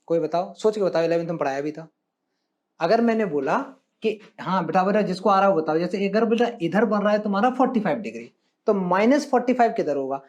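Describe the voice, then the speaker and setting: A man's voice: high voice, animated, a little fast, lo-fi sound. A male maths teacher, lecturing a live class in a classroom. He coaxes his students along, keeps checking that they follow, and calls them "beta" and "bachcha". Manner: coaxing, addresses students as beta and bachcha, asks questions.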